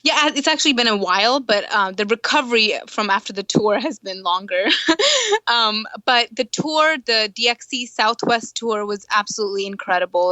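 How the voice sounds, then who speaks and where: A woman's voice: mid-range voice, pushed and bright, no room sound. A young woman guest on a podcast, friendly and giggly, with many filler words. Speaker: activist guest. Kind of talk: podcast interview.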